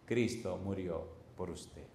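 A man's voice: deep voice, slow, a little mellow, reverberant. An older man preaching a sermon, emphatic and repetitive, putting questions to the congregation.

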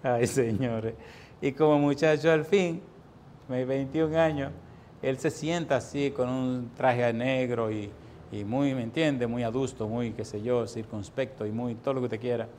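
A man in his sixties preaching a sermon with a mid-pitched voice. He tells a personal story in an animated way, lifting his voice for repeated refrains. A faint rumbling noise runs under the recording. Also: unhurried. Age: 60s.

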